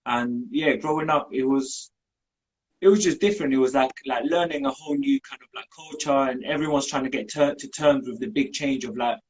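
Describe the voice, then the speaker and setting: Man, from Colombia, husky, hesitant, casual interview. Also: medium pitch, low-quality recording. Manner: halting, many fillers and restarts. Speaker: community group founder.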